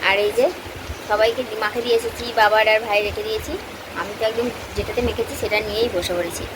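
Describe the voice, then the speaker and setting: A woman's voice: medium pitch, fairly even intonation, fast, background noise. A housewife vlogging from home, chatting casually and straight to her viewers while recording on a handheld phone. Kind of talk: casual vlog chat to viewers. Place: at home, indoors.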